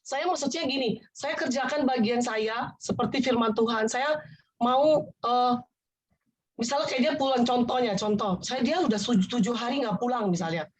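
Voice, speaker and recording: Earnest woman with a fairly high voice. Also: moderate pace, slightly rough, poor audio. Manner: earnest, often addresses the listener as "Pak"; rambling, repeats herself and restarts. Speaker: guest sharing her testimony. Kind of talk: heartfelt conversational testimony.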